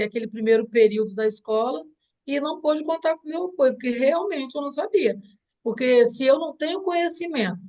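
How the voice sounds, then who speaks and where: Middle-aged Brazilian woman, mother being interviewed; earnest, reflective, restarts a lot, voice sits fairly high. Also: darkish tone, highs cut off. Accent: Brazilian Portuguese. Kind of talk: heartfelt conversation.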